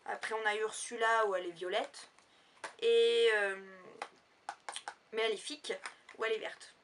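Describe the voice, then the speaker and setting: A chatty woman talks through her haul in a loose, rambling way, full of fillers. Her voice sits a little high, and she is a bit far from the mic. Faint room noise hums behind her. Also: steady tone, moderate pace, fairly bright tone. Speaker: vlogger. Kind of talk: casual haul vlog.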